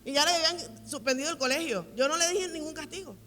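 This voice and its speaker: A woman's voice: sits high, quick pace, pushed and bright, a little hiss or hum. Emphatic woman preaching in a reverberant hall. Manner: emphatic, repeats key phrases for weight. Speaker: pastor. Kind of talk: sermon at a women's conference. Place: large church hall. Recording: reverberant hall with faint music.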